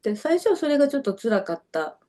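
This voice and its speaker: A woman's voice: sits high, very animated, fast talker, mellow. A middle-aged woman from Kyoto with a Kansai accent, a dancer chatting as an interview guest and telling long, rambling stories full of fillers. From Kyoto, Japan. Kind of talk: casual interview chat.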